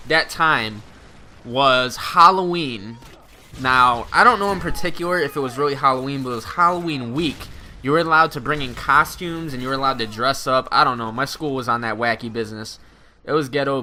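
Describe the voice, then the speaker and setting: A man in his twenties recounting high school stories over gameplay commentary, animated and slangy, laughing as he goes. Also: a little hiss or hum. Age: 20s. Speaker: gaming channel host.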